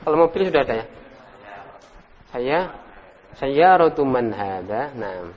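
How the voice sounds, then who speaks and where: Recorded in a reverberant room with a muffled sound, a man of medium pitch speaks expressively as an Islamic teacher leading an interactive Arabic class. He names students to quiz them, praises their answers, and slowly repeats the drill words.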